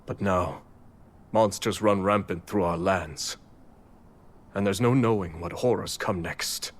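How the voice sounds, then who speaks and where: A man's voice: sits low, slow. A man playing a solemn, regal warrior king in a video game cutscene. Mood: sorrowful, grave.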